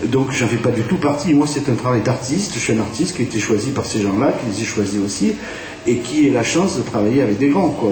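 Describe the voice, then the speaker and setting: This theatre director from France, whose native language is French, has a medium-pitched, darkish voice in a radio interview peppered with fillers and restarts. The audio sounds distant and echoey, with faint hiss.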